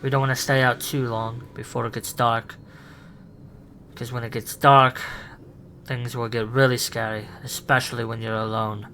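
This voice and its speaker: A man playing a curious, protective time-travelling alien guide in an improvised sci-fi roleplay, speaking in a halting, theatrical way. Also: medium pitch, flat delivery, bright, forceful tone, slight background noise, close to an everyday voice. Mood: thoughtful, cautioning.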